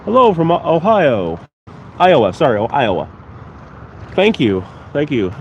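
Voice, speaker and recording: A man with a fairly high voice and vocal fry speaks at a measured pace, sounding stuffy and nasal from a cold. He's a fishing vlogger outdoors by the water, chatting relaxed and casual to viewers as he works. The audio is dull, with a faint hiss or hum.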